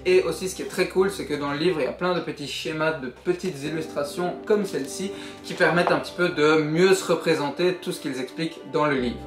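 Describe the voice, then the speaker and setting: A man's voice: a little high, brisk, echoey room, music in the background. A young man summarizing a book in a casual vlog, earnest and encouraging as he speaks directly to the viewer. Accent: Belgian French. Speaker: YouTuber.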